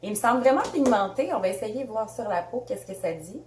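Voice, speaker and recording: A chatty Québécoise woman unboxing beauty products, her voice swinging up and down with lively excitement. She talks in a loose, giggly way. The room is echoey, with a faint hum of ambience behind her. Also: mid-range voice, fairly quick. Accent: Québécois French. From Canada. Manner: bubbly, chatty, laughs often. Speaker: beauty vlogger. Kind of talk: casual unboxing chat.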